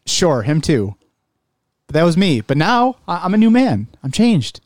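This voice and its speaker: A man's voice: fairly high pitch, big pitch swings, unhurried, a little mellow, no room sound, clean studio sound. A man with a slightly nasal voice hosting a casual comedic podcast, upbeat and jokey. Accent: Buffalo, New York. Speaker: podcast host.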